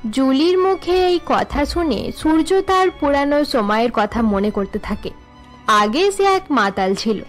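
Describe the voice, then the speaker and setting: High-voiced woman narrating a cartoon story. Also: faint music behind. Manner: even, measured telling.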